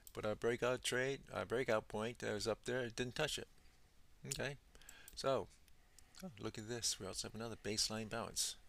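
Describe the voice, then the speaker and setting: A low-pitched man with a gravelly edge to his voice, talking through a chart walkthrough as a trading instructor. He works through it unhurriedly and thinks aloud, with plenty of "uh"s, restarts and small self-corrections. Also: fairly bright tone. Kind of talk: screen-share chart walkthrough.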